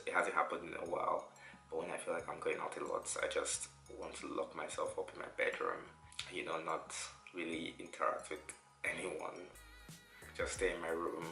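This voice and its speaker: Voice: rumbling low, vocal fry, sharp tone. A young adult vlogger chatting casually and informally, with a congested, nasal voice from a bad cold, as if holding their nose. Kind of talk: casual solo vlog chat. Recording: roomy echo with music behind.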